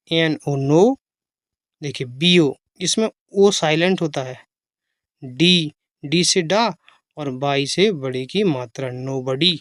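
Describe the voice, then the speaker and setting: An English teacher giving a slow phonics reading lesson, spelling each word out letter by letter and explaining how to pronounce it. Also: mid-range voice, no room sound, clean studio sound. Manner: spells letters aloud one by one, patient and explanatory.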